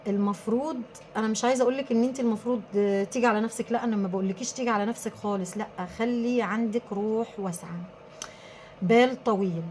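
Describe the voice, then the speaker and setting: A brisk, quick-talking Egyptian woman with a slightly high voice, coaching her viewers through business tips in a casual, emphatic way. Faint noise hums underneath. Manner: emphatic, animated storytelling. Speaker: small business owner.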